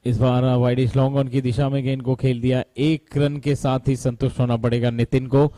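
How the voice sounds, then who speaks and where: A man's voice: medium pitch, little pitch movement, a little fast, mellow, no room sound. A man with an Indian accent doing live cricket commentary, dramatic, with rhyming wordplay and some English mixed in for the scores.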